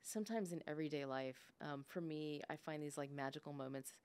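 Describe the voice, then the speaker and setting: Speaking a little fast, this woman has a low, smooth voice with a darkish tone. She grew up with English and Spanish and appears on a podcast as a business leader, reflecting casually and regularly adding "like" and "right?" to her thoughts.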